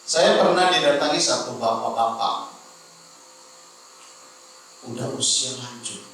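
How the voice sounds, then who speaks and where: A man preaching a sermon, telling a lively anecdote and speaking directly to the congregation. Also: medium pitch, slow. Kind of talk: storytelling sermon. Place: church hall. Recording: echoey church hall, mic from far off.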